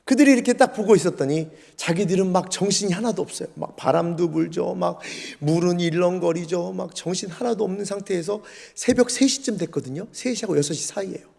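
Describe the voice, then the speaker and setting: A man's voice: high-pitched, fairly quick, creaky, few pauses. A male pastor preaching a sermon in a church, telling the story vividly and acting out the scenes. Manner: lively storytelling, acts out scenes. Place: church sanctuary. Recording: long church hall reverb.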